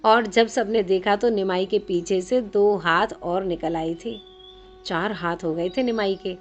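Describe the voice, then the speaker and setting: A woman's voice: mid-range voice, a little slow. Woman narrating a devotional tale. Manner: gentle, expressive. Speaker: storyteller. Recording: slightly dull audio.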